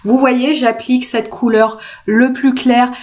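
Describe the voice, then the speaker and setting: A woman's voice: a little high, flat delivery, a little slow, a little mellow. A woman from France talking through a craft tutorial in a casual, chatty way, with many hesitations and self-corrections. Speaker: craft video host.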